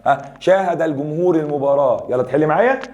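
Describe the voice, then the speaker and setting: Warm-voiced Egyptian male teacher. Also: fairly high pitch, muffled recording. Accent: Egyptian Arabic. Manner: lively explaining, drilling rules and asking quick questions. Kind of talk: classroom grammar review.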